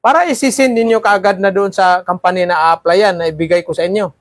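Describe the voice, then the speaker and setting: A man's voice: sits high, fairly quick, no room sound. A man teaching a class of seafarer trainees, lecturing and often checking in with "ha?" and "di ba?". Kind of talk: classroom talk.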